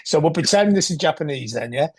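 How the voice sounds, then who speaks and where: A man's voice: a little high, animated, fast talker, a little mellow, slightly rough, dry recording. A man hosting an interview, chiming in with short remarks and follow-up questions. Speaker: interviewer, host. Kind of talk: casual interview chat.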